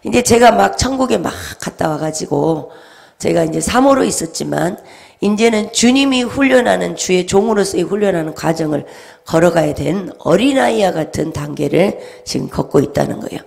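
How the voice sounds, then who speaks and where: A woman's voice: on the low side, animated, moderate pace, gravelly, a little mellow. A woman pastor giving a fervent, emotional sermon testimony and retelling it with lots of repetition.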